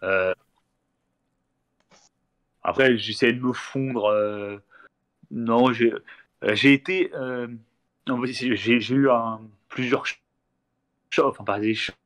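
A man's voice: medium pitch, slow, pauses often, a bit bright. A man joins a live talk show over a video call to tell travel stories. He rambles and restarts often and acts out the exchanges he recalls. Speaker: guest traveler. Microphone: remote video call.

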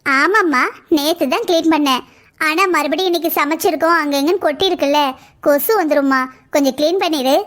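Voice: high-pitched, fairly quick, fairly bright tone. A voice actor doing a bossy elder sister-in-law. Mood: coaxing. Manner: coaxing but giving orders. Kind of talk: cartoon voice acting.

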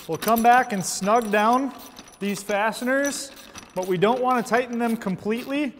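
A man's voice: very high-pitched, moderate pace, long reverb tail, slight background noise. A man in his thirties giving scripted, methodical step-by-step installation instructions in a workshop studio. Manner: steady, methodical step-by-step explaining. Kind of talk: scripted how-to narration. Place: large indoor workshop studio.

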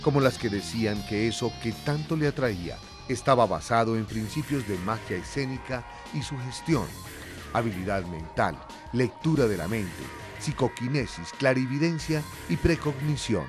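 Male documentary narrator, lofty measured read, loud music bed. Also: medium pitch, lively intonation. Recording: voice-over with loud music behind.

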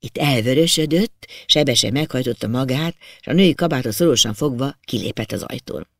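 A man reading a novel aloud as an audiobook narrator, in steady storytelling narration. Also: medium pitch, no echo, clean studio sound. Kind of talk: scripted literary narration.

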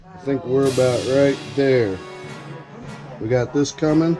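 A man's voice: medium pitch, a little slow. A middle-aged man, talking casually into a handheld camera in a camper. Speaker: vlogger. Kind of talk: casual vlog narration. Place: camper and campsite in a storm. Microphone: handheld action camera. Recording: music playing underneath.

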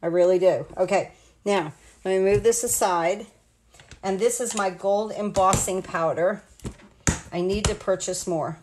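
A little slowly, in a mid-range, slightly mellow voice, a US woman in her sixties demonstrates card making live at her home craft table. There's slight background noise as she chats, rambles, and walks through each step.

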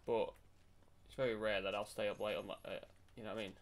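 A man's voice: on the low side, brisk. Bantering man gaming. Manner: bantering, teasing, swears when excited. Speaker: gaming channel host. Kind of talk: casual gameplay chat.

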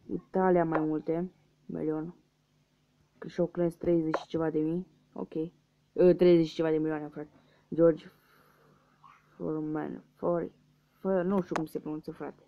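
A man's voice: a little high, flat delivery, gravelly, pauses often. A young man from Romania giving casual let's-play commentary, muttering guesses and swearing at losses. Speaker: gaming youtuber. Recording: dull lo-fi mic with faint hiss.

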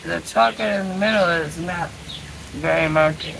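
A middle-aged woman vlogs about camping from a backyard beside a tent, chatting casually and laughing between remarks. Her lowish, slightly creaky, somewhat bright voice moves at a moderate pace over slight background noise, picked up first by a camera on a stand at a distance and later by a phone held at arm's length.

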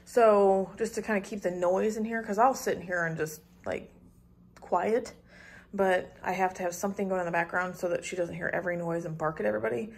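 A woman's voice: on the low side, fairly even intonation, a little fast, gravelly, husky. A woman in her thirties chatting casually to her phone camera in a small apartment, rambling with many ums and likes and laughing easily. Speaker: vlogger. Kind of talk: casual clean-with-me vlog chat. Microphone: phone camera held at arm's length.

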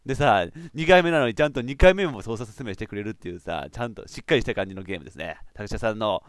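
A man doing excitable let's play commentary, laughing often and yelping when he fails. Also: on the low side, racing, no echo, clean studio sound. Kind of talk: game commentary.

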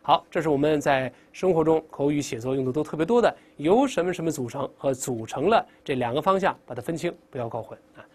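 A teacher giving a classroom English vocabulary lesson in an emphatic way, drilling pronunciation aloud and often ending phrases with a soft 啊. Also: mid-range voice, quick pace.

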